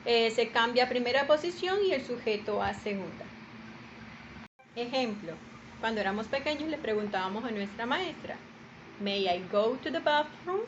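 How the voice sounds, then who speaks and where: A woman teaching English grammar in Spanish, explaining carefully and repeating each example slowly. She is a native Spanish speaker. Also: a little high, a bit bright. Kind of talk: slow explanatory lesson. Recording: dull lo-fi home recording with faint noise.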